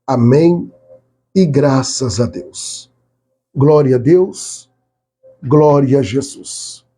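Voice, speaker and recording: A male pastor leading a live prayer, pleading fervently, with loud high cries and quiet murmurs in between. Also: very slow, slightly rough.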